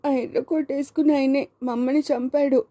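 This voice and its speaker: A grieving eight-year-old boy testifies through tears, as a woman puts him on, his voice pushed high above her own. He speaks haltingly and sobs as he talks, in a mellow, dark tone. It is a dry, close storybook reading. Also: fairly even intonation, no echo, natural voice. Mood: sobbing. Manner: halting, tearful. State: crying, sobbing.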